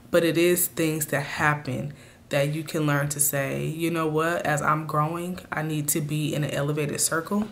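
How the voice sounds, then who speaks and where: A woman with a raspy, hoarse voice from a cold, giving earnest motivational advice straight to her viewers in a casual vlog. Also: deep voice. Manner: earnest, speaks to viewers directly. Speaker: vlogger.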